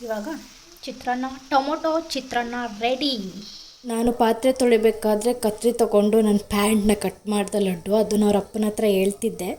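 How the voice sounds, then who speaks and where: A woman's voice: a little high, fairly even intonation, brisk, warm tone, slight background noise. A young woman, a homemaker and vlogger, chatting casually at home and explaining her chores as she works. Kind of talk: casual vlog narration.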